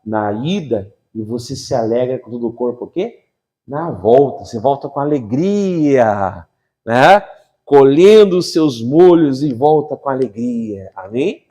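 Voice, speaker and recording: A man preaching a lively sermon, who keeps asking the crowd rhetorical questions and acts out little scenes with humor. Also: medium pitch, measured pace. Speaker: pastor.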